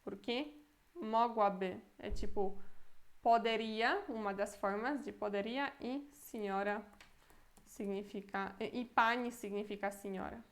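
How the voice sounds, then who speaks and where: A young woman with a Brazilian Portuguese accent, a language teacher who patiently explains Polish phrases and slows down to repeat them. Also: mid-range voice, steady tone.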